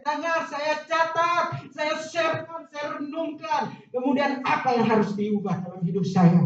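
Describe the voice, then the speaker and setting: Lady preacher, high voice, sings out key words, sounds far off in a big echoey church. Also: lo-fi sound. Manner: call-and-response, singsong stresses, lively asides. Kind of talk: sermon. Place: church hall.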